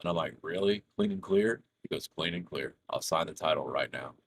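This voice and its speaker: While streaming a game, a man with an extremely low, slightly rough voice rambles through a profane story at a fairly quick clip, laughing as he goes. There's no echo on the audio.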